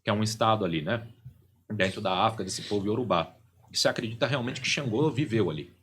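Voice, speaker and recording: Middle-aged guy on a podcast, low voice, keeps going "right? you know?" while he explains, faint hiss behind. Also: quick pace, fairly bright tone. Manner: explanatory, constantly tags phrases with "né?" and "entende?". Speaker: podcast guest, religious leader. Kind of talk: casual podcast conversation. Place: podcast studio.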